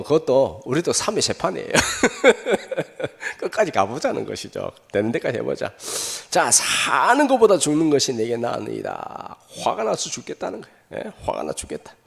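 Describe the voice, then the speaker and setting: A man pastor preaching a sermon, telling the story in an animated way and tossing rhetorical questions to the congregation. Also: on the high side, gravelly. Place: church sanctuary. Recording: echoey hall.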